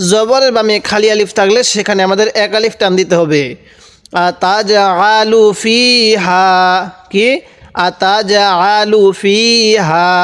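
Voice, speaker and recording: A man teaching Quran reading, patiently spelling out each syllable and repeating words slowly, asking the viewer questions and answering them himself. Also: sits high, long reverb tail. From Bangladesh. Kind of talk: step-by-step spelling lesson.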